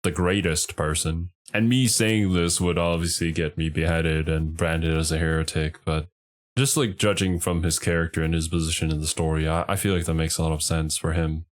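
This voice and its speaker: A man with a deep voice gives casual reaction commentary as a streamer. He sounds conversational and musing, thinking aloud as he goes. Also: fairly even intonation, normal speed.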